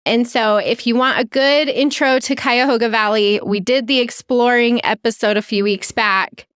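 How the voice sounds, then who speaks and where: A woman's voice: a little high, fairly even intonation, moderate pace, fairly bright tone, clean tone, no room sound. A woman co-hosting a podcast, chatting casually in a frank, dry way with loose restarts. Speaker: podcast co-host.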